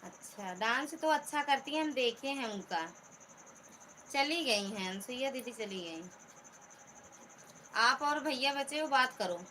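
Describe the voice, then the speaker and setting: Bright-voiced Awadhi woman, chatty live host. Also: high-pitched, expressive, unhurried, pauses often, slight background noise. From Pratapgarh region, Uttar Pradesh. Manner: chatty, greets and answers viewers by name. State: hoarse. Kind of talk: casual live chat with viewers.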